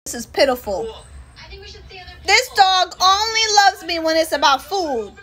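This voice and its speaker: A woman's voice: extremely high pitch, big pitch swings, measured pace, fairly bright tone. A young woman vlogging with her grandmother, joking playfully and singing snatches of songs. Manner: playful, joking, sings bits. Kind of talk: casual family vlog.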